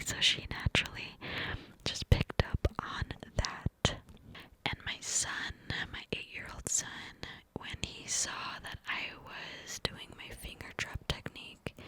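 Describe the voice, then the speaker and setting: A young adult woman telling a personal story as an ASMR ramble in a cupped-hand whisper, close to the mic, rambling and repeating words. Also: poor audio. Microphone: close to the mic, mouth cupped by hand.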